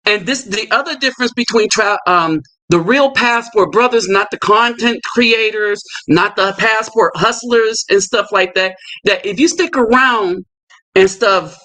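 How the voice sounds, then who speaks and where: A man hosting a live stream, talking casually in quick bursts with asides and fillers. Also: high-pitched, bright, forceful tone. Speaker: livestream host.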